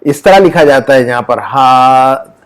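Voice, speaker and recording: A man teaching an Arabic lesson to a student, patiently repeating words, drawing out sounds slowly and checking understanding. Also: medium pitch, clean tone.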